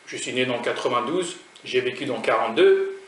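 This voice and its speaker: A French food vlogger, French accent and all, tastes food while chatting casually and rambling straight to viewers. His medium-pitched voice is animated, fairly quick and a bit bright, picked up by a distant mic with a roomy sound.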